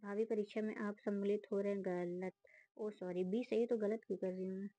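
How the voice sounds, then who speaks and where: A woman talks through an exam paper, reading options aloud and ruling on each one in a few words. Her voice is mellow and warm, and the recording is dry with no room sound. She speaks casually, like a student thinking out loud. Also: medium pitch, fairly even intonation, no room sound, rough recording. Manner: reads options aloud, then quick verdicts. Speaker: student solving a test series. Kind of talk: casual spoken walkthrough of exam answers.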